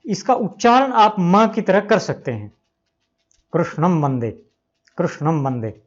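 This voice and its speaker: A man teaching Sanskrit grammar, explaining rules and slowly repeating each example word to model how it is pronounced. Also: high voice, big pitch swings. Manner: slow, repeats examples, stretches out words to pronounce them. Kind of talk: explanatory lesson. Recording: dull lo-fi recording.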